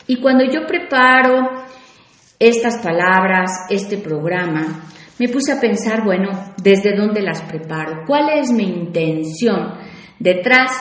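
A woman's voice: medium pitch, very echoey. A woman hosting a radio talk show on personal growth, speaking reflectively and asking her listeners questions.

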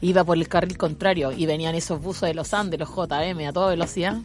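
A woman with a Chilean accent, co-hosting a radio show in casual chat and telling animated stories with plenty of laughter. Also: on the low side, fast. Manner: animated storyteller, laughs often. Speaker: radio co-host. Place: radio studio.

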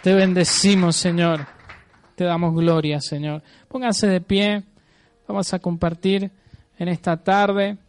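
A man's voice: high-pitched, fairly even intonation, takes it slowly, smooth. A man preaching a sermon, declaring prophetic words with emphasis, often tagging lines with a questioning "ah?" and calling for amens. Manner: emphatic, keeps checking in with a questioning "¿ah?"; leads the congregation in amens and applause. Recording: dry sound with faint music behind.

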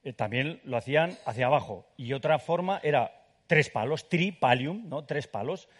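A man's voice: mid-range voice, lively intonation, moderate pace, breathy edge. A man from Spain with a Spanish accent, a guest author speaking enthusiastically at a public book talk. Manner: enthusiastic, explanatory.

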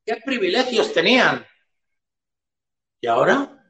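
A man's voice: high voice, big pitch swings, a little slow, fairly bright tone, roomy sound. A man hosting a political commentary livestream, talking in a sarcastic, mocking way and addressing his target directly. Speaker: stream host.

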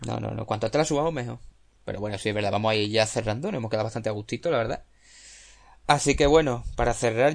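A man from Spain hosts a relaxed podcast among friends. His voice has a gravelly, fried edge, and he talks easily, joking along before running through the show's plugs. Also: fairly low pitch. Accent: Spain Spanish. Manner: laid-back, joking, wraps up with show plugs. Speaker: podcast host. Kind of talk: casual chat among friends.

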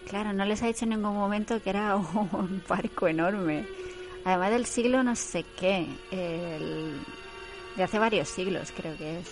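A woman's voice: medium pitch, measured pace, music in the background. Chatty woman from narrating TV. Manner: chatty, teasing, laughs often. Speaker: TV episode commentator. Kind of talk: casual commentary over a TV episode.

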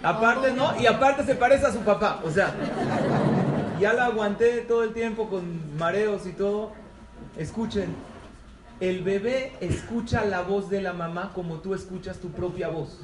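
High-voiced man lecturing a crowd. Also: a little slow. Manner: humorous, asks the audience questions. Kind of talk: lecture to a live audience. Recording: echoey hall from far off, noisy.

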